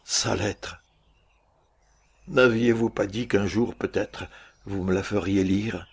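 A man playing dying Cyrano, gravelly. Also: lowish voice, fairly even intonation, full character voice. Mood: hushed. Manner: solemn, measured verse delivery. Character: dying aging male swordsman-poet, proud, secretly in love. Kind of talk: stage play reading.

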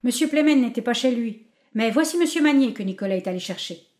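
A woman's voice: on the high side, expressive, fast, a little mellow, pitched above the performer's own voice, lightly acted. A woman voicing a polite, respectful male valet in a storybook. He announces a visitor in a plain, slightly raised tone. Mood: formal.

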